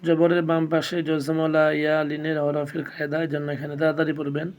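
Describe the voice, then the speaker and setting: A man teaching Quran reading, spelling out Arabic syllables one by one in a slow, methodical classroom drill. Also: on the high side, completely flat delivery.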